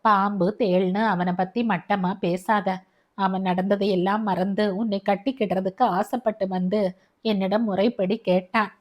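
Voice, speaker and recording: A gentle, soft-hearted older aunt, voiced by a woman narrator in a storybook. She pleads in a homely, kindly way. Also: medium pitch, fairly even intonation, unhurried, muffled recording, natural voice. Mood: tearful.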